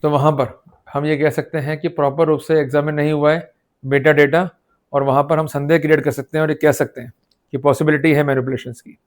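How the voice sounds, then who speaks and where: This man's voice runs on the high side and a little fast, with little pitch movement. He has an Indian accent and teaches law through explanatory, didactic lecturing that blends Hindi and English.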